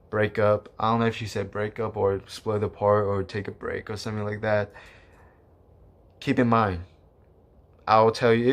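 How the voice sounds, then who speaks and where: A man's voice: fairly low pitch, clear, resonant tone. Rambling young man telling a story. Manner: rambling, many fillers and restarts, casual swearing. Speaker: vlogger. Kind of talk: casual storytelling to camera.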